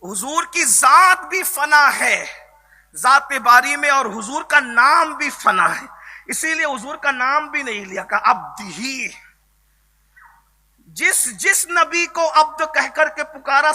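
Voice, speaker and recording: High, piercing, impassioned male preacher. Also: lively intonation. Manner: impassioned, often shouting, chants repeated verses of poetry. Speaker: Islamic preacher. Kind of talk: sermon.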